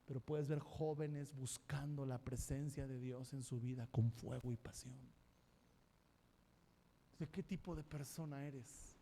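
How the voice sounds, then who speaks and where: A man preaching a sermon as pastor, impassioned and emphatic, sometimes rising to a shout. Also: medium pitch, fairly even intonation, measured pace, slight background noise. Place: church sanctuary. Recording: long church hall reverb.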